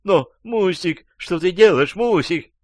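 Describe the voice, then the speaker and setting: A man voicing a shrill, panicky young wife. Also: animated, takes it slowly, no echo, clean studio sound. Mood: whiny pleading. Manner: shrieking, pleading, whiny. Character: frightened shrill unfaithful wife, young adult.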